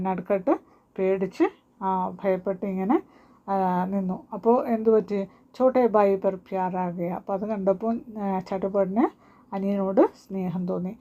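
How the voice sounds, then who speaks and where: This is a woman teaching a Hindi story to students. Her voice is mellow and relaxed. She reads each line slowly, then goes over it again in simple words and asks questions as she goes. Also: medium pitch, muffled recording.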